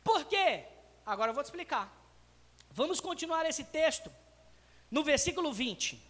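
Animated male pastor in a reverberant church. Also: very high-pitched, moderate pace. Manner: animated, acts out everyday scenes and addresses the congregation directly. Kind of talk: sermon. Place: church sanctuary. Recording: long reverb of a church hall.

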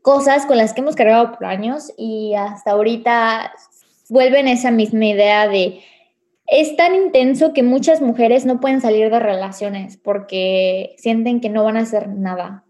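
A woman's voice: on the high side, normal speed, echoey room. A young woman, chatting frankly and animatedly as a podcast co-host. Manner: frank, animated, uses many fillers. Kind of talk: casual chat.

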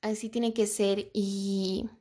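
A young woman talking softly and candidly in a personal confessional vlog, reflective and full of fillers. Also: mid-range voice, flat delivery, takes it slowly.

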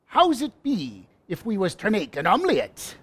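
An actor playing a gruff old fisherman and sea captain with raspy, folksy sailor talk in a radio comedy. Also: high-pitched, huge pitch swings, normal speed, a bit bright, heavily acted. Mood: hearty, folksy.

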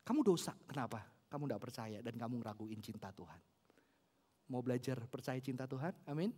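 A pastor delivering a sermon and prayer, earnest, dropping to hushed tones and rising to loud emotional peaks, mixing formal address with casual slang. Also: mid-range voice, a little fast, breathy edge.

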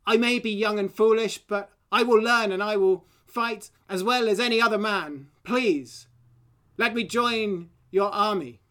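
A woman's voice: medium pitch, measured pace, a bit bright, natural voice. Woman as young eager peasant boy, earnest and humble. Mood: pleading. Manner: earnest, pleading.

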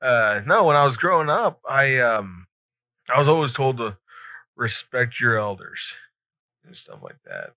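A man's voice: mid-range voice, very animated, a little slow, creaky, bright, forceful tone, dry recording. A man hosting a podcast in casual chat, speaking somewhat hesitantly in short, tentative phrases. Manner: hesitant, brief tentative replies. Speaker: podcast host. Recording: dull, dry lo-fi audio.

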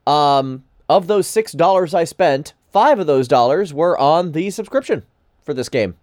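A man's voice: fairly high pitch, animated, measured pace, a little mellow, no echo, studio quality. A man co-hosting a casual gaming podcast, frank, thinking aloud as he works through numbers. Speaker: podcast co-host.

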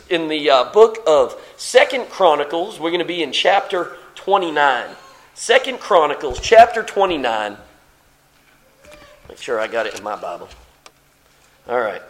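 Animated high-voiced preacher man. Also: moderate pace. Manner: animated and playful, swings from soft asides to excited shouts. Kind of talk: sermon.

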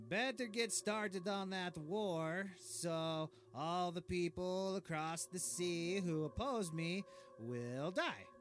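A man's voice: high-pitched, full character voice. A man playing a pompous, clueless tyrant king. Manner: deadpan diary reading, pompous and clueless. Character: vain, oblivious, cruel male dictator king. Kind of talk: comedic diary narration.

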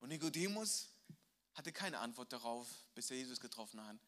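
A male pastor preaching a sermon, telling a personal story with emotion and moving between loud passages and hushed ones. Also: mid-range voice, animated, a little fast.

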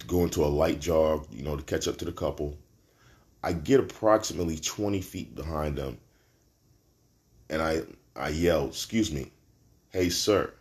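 A man from Brooklyn with a New York accent, hosting a solo podcast and telling a story in a casual, slangy, profane way that jumps up in pitch for punchlines. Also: a little mellow. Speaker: podcast host.

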